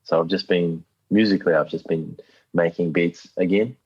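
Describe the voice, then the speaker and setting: A man's voice: sits low, fairly even intonation, normal speed, husky, no echo. A man with a New Zealand accent chatting casually as an interview guest, slangy, matey and laid-back. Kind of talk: casual chat. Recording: dull lo-fi call audio.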